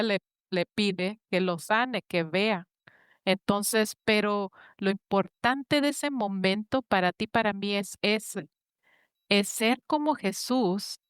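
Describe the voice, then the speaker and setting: A woman guest on a faith interview show, speaking earnestly about ministry and retelling Bible stories with lively quoted voices. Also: medium pitch, clean tone, no echo, studio quality. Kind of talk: conversational interview, faith-based.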